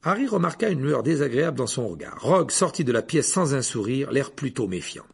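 Husky, gravelly male storyteller. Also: mid-range voice, brisk. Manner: expressive, animated narration. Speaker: audiobook narrator. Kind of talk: storybook reading.

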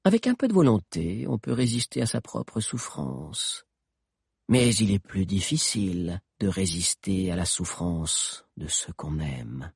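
A man's voice: deep voice, sing-song, a little slow, creaky, darkish tone, husky, no room sound, clean studio sound, exaggerated voice. A man reading an audiobook and voicing a cruel, scheming sorceress queen with a mocking, menacing manner. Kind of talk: audiobook character voice.

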